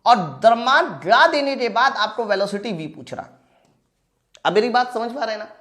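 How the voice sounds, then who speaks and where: A man teaching physics for an exam talks his class through problems, quizzing himself and supplying the answers as he speaks to the students. He has a very high, slightly bright voice.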